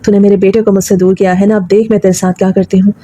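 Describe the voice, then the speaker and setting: A woman's voice: mid-range voice, level tone, lightly acted. Woman reading a cursing, paranoid old mother. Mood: furious. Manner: shouting curses and accusations. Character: elderly confused mother, furious and paranoid.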